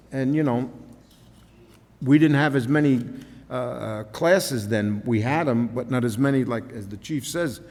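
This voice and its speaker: A man's voice: medium pitch, darkish tone. A man on the board, speaking in a rambling way and piling up examples at a public meeting. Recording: long reverb of a meeting hall.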